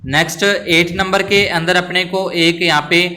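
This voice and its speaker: Slow, bright-voiced male teacher. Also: high-pitched, steady tone. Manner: slow, patient, spells words letter by letter; mixes Hindi explanation with English phrases. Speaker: school teacher. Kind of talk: explaining test answers to students.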